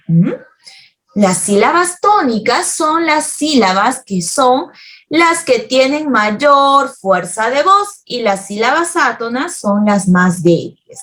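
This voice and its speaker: A woman's voice: on the high side, fairly bright tone. A woman teaching a children's grammar lesson, speaking patiently and often checking that the listeners follow.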